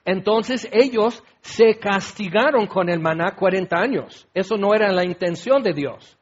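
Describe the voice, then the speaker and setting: A man's voice: sits high, animated, measured pace, husky, lo-fi sound. A male preacher giving a sermon in a conversational way, with joking asides to the listener.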